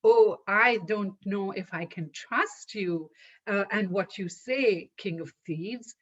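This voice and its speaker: A woman storyteller voicing a clever young village wife who speaks softly and sweetly but stays guarded. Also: fairly high pitch, big pitch swings, takes it slowly, slightly rough, full character voice. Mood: coy. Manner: soft, sweet-voiced, guarded. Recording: dull lo-fi recording.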